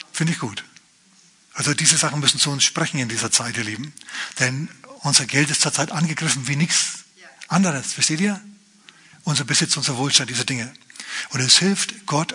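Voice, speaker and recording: A male pastor preaching a lively, chatty sermon, often turning to his listeners with asides. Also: medium pitch, slightly rough.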